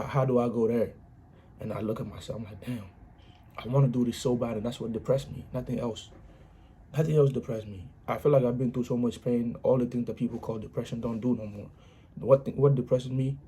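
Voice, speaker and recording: A man's voice: medium pitch, warm tone, slight background noise. A man speaking in a casual motivational monologue, earnest and repetitive, with informal grammar and frequent "you know what I'm saying.".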